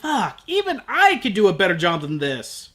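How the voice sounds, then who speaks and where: With sardonic, emphatic comic commentary, the host of a scripted anime review show speaks in a high, very lively voice at a moderate pace. There is noise in the background.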